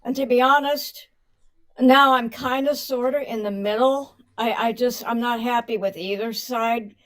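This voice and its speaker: A woman's voice: on the high side, steady tone, a little slow, a bit bright. Folksy woman in her seventies calling in. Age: 70s. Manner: folksy, calls the host honey. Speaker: caller. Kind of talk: casual call-in chat.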